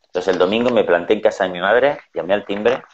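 A man's voice: fairly low pitch, quick pace, slight background noise. A middle-aged man telling family anecdotes in casual conversation, acting out the voices he quotes. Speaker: guest. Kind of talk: conversational storytelling. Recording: dull lo-fi sound.

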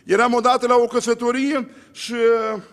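High-voiced preaching man, church reverb. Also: flat delivery, a bit bright. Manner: emphatic preaching with repeated lists and rhetorical questions. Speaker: pastor. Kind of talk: sermon.

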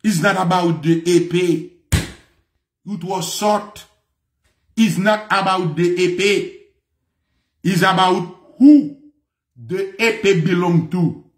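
Haitian male preacher, high pitched and bright, animated delivery, roomy echoey recording. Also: slow pace, long pauses, slight background noise. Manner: animated, laughing, swinging from shouts to low murmurs. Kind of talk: fiery preaching.

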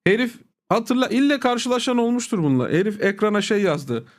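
A man's voice: sits high, brisk. A man streaming live, ranting casually to his viewers, blunt, profane and irritated. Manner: addresses viewers familiarly as "abi" and "agalar". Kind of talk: casual livestream rant.

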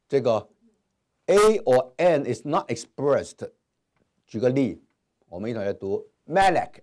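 Male grammar teacher giving a classroom lecture, lively pitch, constant filler sounds. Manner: frequent "啊" and "哈" fillers, mixes English terms. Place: classroom with whiteboard.

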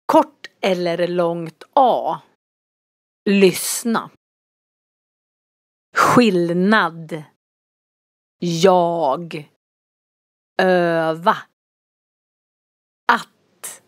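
A woman with a somewhat low voice gives a vocabulary lesson, saying each word form slowly and distinctly so learners can follow. Her voice is recorded close up in a dry room with no echo. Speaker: language teacher. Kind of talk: slow, clearly articulated vocabulary lesson.

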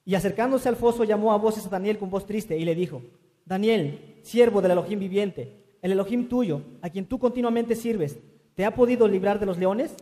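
A man reading scripture aloud in a steady, measured way. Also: sits high. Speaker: scripture reader. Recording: long reverb.

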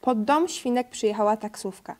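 A woman with a fairly high voice reads a children's picture book aloud. Her reading is steady and clear, with a small stumble over a word now and then. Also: normal speed. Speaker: storybook reader.

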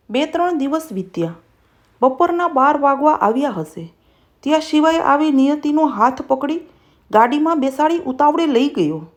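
A woman narrating a tender love story as a scripted storyteller, reading slowly and tenderly. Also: sits high, a little mellow.

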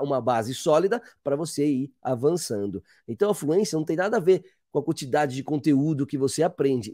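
A man with a slightly raised speaking pitch teaches English grammar, walking the viewer through each step. He keeps pointing at his examples and answers his own rhetorical questions. The sound is close and dry, with no room echo. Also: darkish tone. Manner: explains step by step, often pointing with "ó". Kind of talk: whiteboard grammar lesson.

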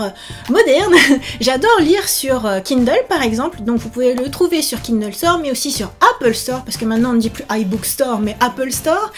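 A high-voiced woman vlogger, an author and YouTuber, promotes her book in a casual chat to camera, animated, exclamatory and enthusiastic. She films in a small indoor room set up for the purpose.

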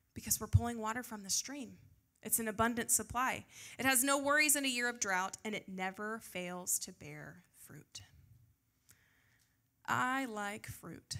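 Her voice a little high, bright and forceful, an American woman pastor addresses a seated youth group from a church stage with a handheld mic. She mixes scripture reading with casual questions, keeping the sermon informal and self-deprecating.

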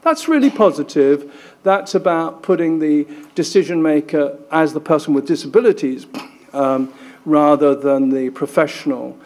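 A man's voice: a little high, normal speed, darkish tone. A man giving an academic conference talk, self-deprecating and full of ums and restarts. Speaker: conference speaker. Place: lecture room at a conference.

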